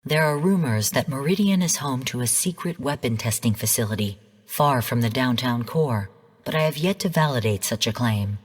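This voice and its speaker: A stern female AI for a game, her low, slightly husky voice carried on long hall reverb. She delivers scripted narration as a formal, analytical briefing in measured, composed phrases, yet the performance is animated and heavily acted.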